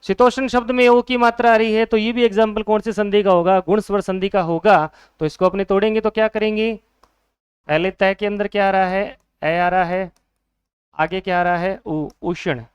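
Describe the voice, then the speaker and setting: A man's voice: high-pitched, smooth, no room sound. A man teaching a Hindi grammar lesson for exam students, asking questions and answering them himself, repeating each key word.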